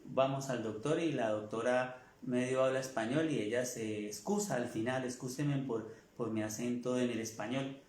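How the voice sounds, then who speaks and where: A middle-aged man, a native Spanish speaker, giving a French class lecture, repeating his advice slowly and asking rhetorical questions. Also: mid-range voice, a little mellow, reverberant. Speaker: French teacher.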